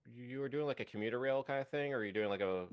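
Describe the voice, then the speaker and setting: A man's voice: mid-range voice, fast, smooth, highs cut off. A man with a general American accent chatting as a guest on a game stream, easygoing, with lots of fillers and laughs. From United States. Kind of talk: casual chat on a game stream.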